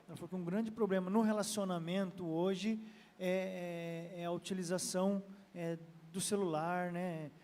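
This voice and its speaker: A man's voice: high voice, steady tone, normal speed, a little mellow, in a large hall. A man with a Brazilian Portuguese accent, hosting a church program, relaying viewer questions hesitantly with many fillers. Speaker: program host.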